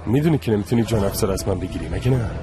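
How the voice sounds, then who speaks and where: An actor playing a protective young man who calmly reassures his family, in a dubbed TV drama. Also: fairly low pitch, natural voice. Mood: defiant. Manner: firm and soothing. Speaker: dubbing actor. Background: drama score.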